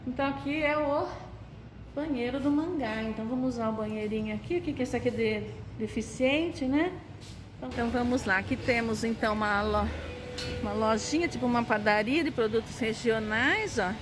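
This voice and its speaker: A woman's voice: a little high, a little fast, noisy background. A woman vlogging as she walks through a large restaurant, filming with a handheld phone and talking chattily and enthusiastically to her viewers. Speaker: travel and food vlogger. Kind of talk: casual vlog walkthrough. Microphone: handheld phone camera.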